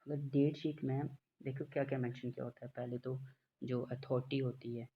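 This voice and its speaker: A man teaching a lecture, explaining step by step with frequent fillers and reading English definitions very slowly. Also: medium pitch, flat delivery, breathy edge. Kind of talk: classroom lecture. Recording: dull lo-fi with faint background noise.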